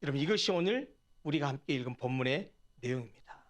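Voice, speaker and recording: A man's voice: mid-range voice, animated, fast talker. A man preaching a sermon as pastor in a church, talking earnestly and putting rhetorical questions to his congregation. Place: church sanctuary.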